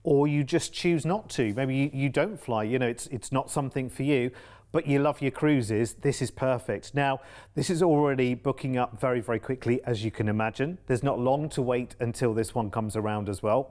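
Man, English accent, TV shopping co-host, upbeat sales patter, medium pitch. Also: fairly quick, a little mellow. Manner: upbeat sales patter, repeats words for emphasis. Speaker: cruise sales presenter. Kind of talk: TV shopping channel presenting.

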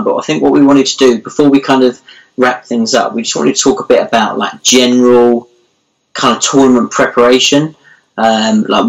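A man hosting an easygoing chat at a mid-range pitch. He leads the talk loosely, leaning on ums and likes as he frames questions. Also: low-quality recording. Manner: many fillers, leads the conversation. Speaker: show host. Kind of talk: casual chat.

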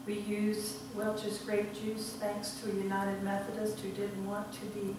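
A woman pastor speaks in a measured, formal way, her even, steady voice bouncing around a vast sanctuary with a cathedral echo. She sounds set well back from the microphone. A steady hiss of background noise sits under everything. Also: mid-range voice. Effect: cathedral echo, heard from far off. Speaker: pastor leading worship. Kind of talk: liturgical prayer and communion liturgy. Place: large church sanctuary.

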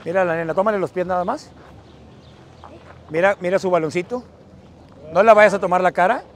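A man's voice: high voice, a little fast. A middle-aged man with a northern Mexican accent campaigning on the street, chatting in affectionate slang and calling out to passers-by. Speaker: political campaigner. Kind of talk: casual street campaigning chat. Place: outdoors on a dusty neighborhood street. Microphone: phone held by someone a few meters away. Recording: noisy outdoor street, phone video.

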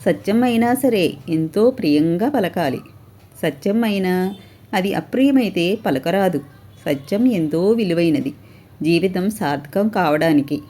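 A woman narrating a moral story in a measured storytelling manner. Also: fairly low pitch, expressive, warm tone.

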